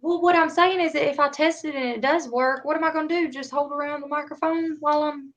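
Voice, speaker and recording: Bright, excitable woman host. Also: high voice, fast talker, low-quality recording. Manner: animated, excitable, teasing. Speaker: live show host. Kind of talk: casual live chat.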